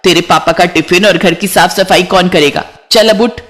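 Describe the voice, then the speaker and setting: A woman's voice: fairly low pitch, moderate pace, fairly bright tone, natural voice. A woman voicing a harsh middle-aged stepmother who scolds and nags. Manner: nagging, scolding.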